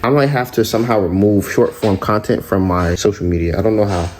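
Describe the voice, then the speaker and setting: A chatty man vlogging about his small business, with a fairly low voice. He talks straight to his viewers over a noisy background with traffic sounds. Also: a little fast, a little mellow. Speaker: candle business owner vlogger. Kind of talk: casual vlog chat. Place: car and storage unit.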